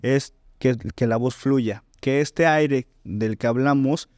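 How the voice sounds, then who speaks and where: A man's voice: medium pitch, takes it slowly, a little mellow, no echo, clean studio sound. A man, a voice teacher and singer explaining technique in a podcast interview, often checking in with "¿no?" and "¿sí?". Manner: didactic, frequent "¿no?" and "¿sí?" check-ins.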